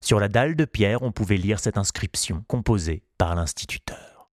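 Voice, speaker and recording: A man reading a children's storybook aloud in a measured, unhurried way. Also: fairly low pitch, lively intonation, no echo, studio quality. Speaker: narrator.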